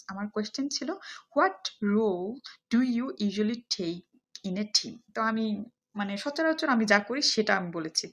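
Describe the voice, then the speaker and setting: A woman's voice: mid-range voice, fairly bright tone. Woman teaching spoken English. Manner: mixes English phrases into explanation, stresses example phrases. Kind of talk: spoken lesson explaining phrases.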